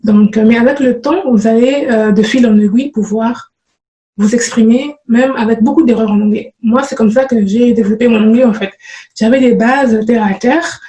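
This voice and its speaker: A woman giving casual advice about programming to her viewers, often pausing with fillers and restarting her sentences. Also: a little high, warm tone, reverberant, rough recording. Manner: hesitant, many fillers and restarts. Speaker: programming vlogger.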